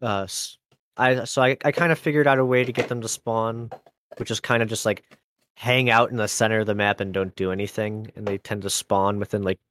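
A man's voice: on the low side, steady tone, brisk, fairly bright tone, slight background noise. A man in his twenties co-hosting a casual podcast chat, laid-back and swearing freely. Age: 20s. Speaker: podcast co-host.

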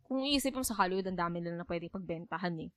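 A woman with a Filipino accent hosting a casual film chat, relaxed and often agreeing. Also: on the low side, quick pace, no echo. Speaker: host.

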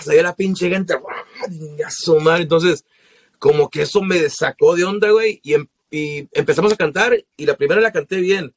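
A man's voice: fairly high pitch, moderate pace. A man with a Mexican Spanish accent, a singer telling stories in casual podcast chat, slangy and profane.

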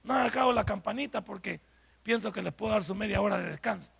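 A man with a Salvadoran accent preaches with fervor in a church and keeps pressing the congregation with questions. His voice sits high and sounds husky and breathy. It has a sharp, bright edge, and he often climbs to a shout. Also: fast talker, long reverb tail. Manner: fervent, rising to shouts, rhetorical questions to the congregation. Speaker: pastor. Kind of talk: sermon.

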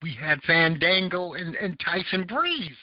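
In dull, dry lo-fi audio, a Southern American man hosts a casual call-in podcast, rambling, searching for words, and using many fillers. He speaks in a high, sing-song voice without hurrying.

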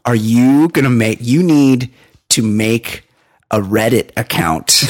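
A man hosting a casual comedic chat, rambling and halting as he repeats himself. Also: medium pitch. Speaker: talk show host.

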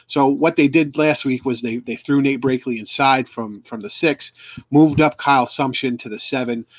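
A man hosts a casual fan-club live stream and talks in a loose, rambling way. He restarts his sentences often and fills the gaps with ums and uhs. His voice sits at an everyday middle pitch and sounds dry and close to the mic. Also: normal speed, dry recording. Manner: rambling, many fillers and restarts.

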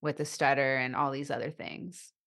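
A podcast host conducts a conversational interview, speaking reflectively and thoughtfully with a stutter marked by repeated sounds and blocks. Her voice is extremely low, gravelly and a bit bright, with little pitch movement and a moderate pace.

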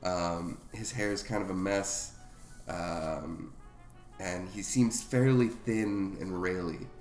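A man's voice: sits low, takes it slowly, darkish tone. Hesitant male tabletop player. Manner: hesitant, filler-heavy. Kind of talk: describing a scene in a tabletop game. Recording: echoey room with faint music.

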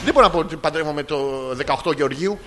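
A man co-hosting a podcast in casual banter, teasing and joking with quick comebacks. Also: fairly high pitch, over music. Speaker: podcast co-host.

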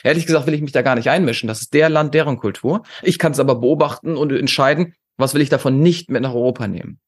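A German conference founder, guesting on a podcast, airs his opinions emphatically and outspokenly, tossing in rhetorical questions. He talks fast in a husky, mid-range voice.

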